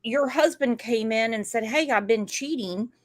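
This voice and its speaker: A woman's voice: a little high, moderate pace, a little hiss or hum. A woman giving casual true crime commentary in a blunt, sarcastic way.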